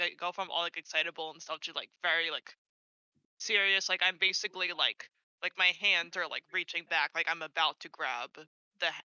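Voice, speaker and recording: A male player rambles through his turn with "like" in nearly every phrase. His voice is fairly high, smooth and bright. The sound is dry and dull, like call audio. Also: no echo. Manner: rambling, full of "like". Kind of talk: tabletop game table talk.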